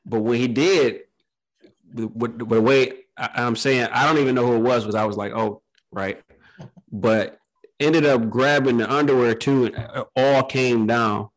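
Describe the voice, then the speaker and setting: A man's voice: medium pitch, fairly even intonation, moderate pace, poor audio. A man talking casually and informally as a podcast guest, telling stories in a loose, slangy way. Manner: informal, peppers talk with "man". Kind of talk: casual chat, storytelling.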